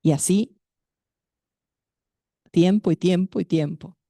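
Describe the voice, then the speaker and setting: At a women's meeting, a woman preaches in a low-leaning, creaky, warm voice, captured on a dry recording. She's measured, speaks straight to her listeners, calling each "sister," and asks them questions.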